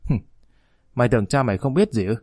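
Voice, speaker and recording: A man voicing a stern aging father who loudly scolds his grown son in an audiobook reading. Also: mid-range voice, animated, fast, breathy edge, dry recording, studio quality. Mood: scolding. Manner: harsh, scolding, loud. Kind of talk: audiobook narration.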